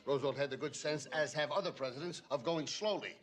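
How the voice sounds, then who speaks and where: An actor playing an older man, a domineering father who scolds his son in a brisk, commanding way. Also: on the high side, natural voice.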